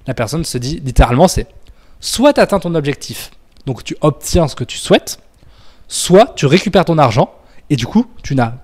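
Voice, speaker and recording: Male trainer, conversational explainer; loose delivery, frequent self-corrections, average pitch. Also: darkish tone. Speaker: business trainer. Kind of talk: casual explanatory lesson.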